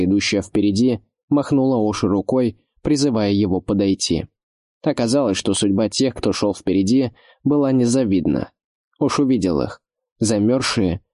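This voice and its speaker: A man narrating a fantasy audiobook in a steady, measured way. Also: lowish voice, no echo, clean studio sound.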